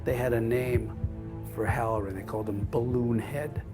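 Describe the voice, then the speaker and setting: A man's voice: mid-range voice, steady tone, normal speed. A man explaining events as a documentary commentator. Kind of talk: documentary interview. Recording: music underneath.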